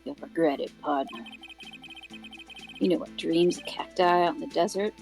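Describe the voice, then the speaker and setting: A woman's voice: mid-range voice, expressive, a little fast, faint music behind, natural voice. A woman voicing a swaggering cowboy detective man, reading game lines in a put-on drawl with folksy slang.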